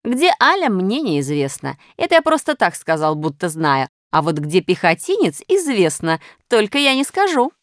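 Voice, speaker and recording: A woman's voice: lowish voice, big pitch swings, moderate pace, hardly any pauses, no echo, clean studio sound. Woman doing sly, whiny Minus. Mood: scheming. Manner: wheedling, unpleasant voice. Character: sly, scheming male Minus sign character.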